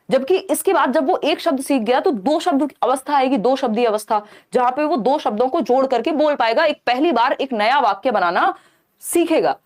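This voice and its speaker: Higher-voiced woman teaching an online class. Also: darkish tone. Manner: explains step by step, mixing in English terms; keeps checking in with listeners. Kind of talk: live online exam-prep class.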